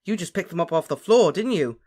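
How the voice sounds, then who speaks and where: A man's voice: high-pitched, big pitch swings, fairly quick, a bit bright, voice pushed up. A man voicing a practical, exasperated teenage boy wizard with an emphatic, impatient delivery for a storybook. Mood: exasperated, alarmed.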